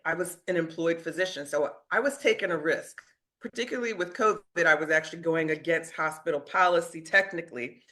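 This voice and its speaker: In a lowish voice, an earnest woman physician in middle age shares her story during an interview. She keeps a steady, conversational delivery, punctuated by quick laughs at how bold she was.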